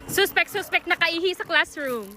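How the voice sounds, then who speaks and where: High-voiced teasing young woman. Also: normal speed, music in the background. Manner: playful, teasing, laughs often. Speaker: vlogger. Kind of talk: casual teasing chat.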